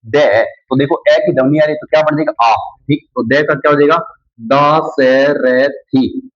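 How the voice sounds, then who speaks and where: A man's voice: fairly high pitch, brisk. A male teacher giving a grammar lesson, who keeps asking questions and answering them himself, repeating the key words. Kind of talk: classroom-style grammar lesson. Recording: dull lo-fi recording.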